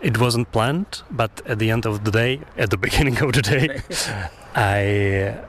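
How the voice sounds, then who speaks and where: A man from the Czech Republic speaks in a fairly low voice, earnest and a little hesitant as he answers. There is faint noise in the background. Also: unhurried, fairly bright tone. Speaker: festival organizer. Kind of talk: interview.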